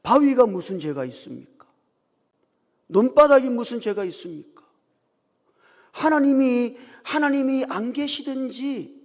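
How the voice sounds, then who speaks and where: A man's voice: fairly high pitch, gravelly, a little mellow, slightly rough. A male pastor voicing a skeptical young village man who argues bluntly, in a church hall with long reverb.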